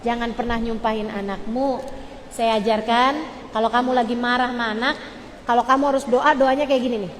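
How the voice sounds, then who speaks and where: A woman preacher giving a religious lecture to mothers, earnest and repetitive, dropping soft for prayers and rising loud for warnings. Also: fairly even intonation, fairly quick. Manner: earnest, repeats key phrases for emphasis; drops low and soft when voicing model prayers, rises loud when warning. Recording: hall reverb with faint ambient noise.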